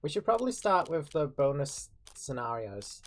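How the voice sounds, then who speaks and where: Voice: mid-range voice, very animated, moderate pace, soft background music. A livestreamer greeting viewers in casual chat, recorded on a livestream headset mic. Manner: chatty, talks straight to viewers. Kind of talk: casual game-stream chat.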